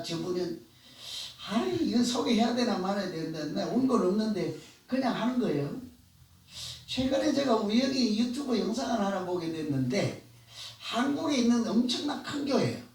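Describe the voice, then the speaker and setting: High-voiced pastor in an echoey church. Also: male voice. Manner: conversational preaching with questions to the congregation. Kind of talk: sermon. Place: church sanctuary. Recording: echoey church hall, voice from far off.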